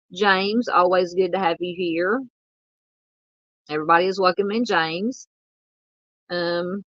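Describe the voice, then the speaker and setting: A woman from the American South hosting a true crime livestream, talking casually and haltingly with lots of ums and uhs while she reads chat. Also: medium pitch, fairly bright tone, no echo, muffled recording.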